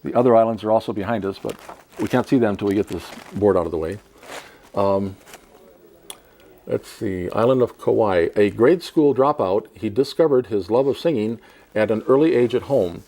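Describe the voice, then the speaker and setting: A man's voice: lowish voice, moderate pace, warm tone. A man hosting a talk show, reading a profile aloud and adding chatty asides with frequent laughs. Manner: chatty, laughs between lines.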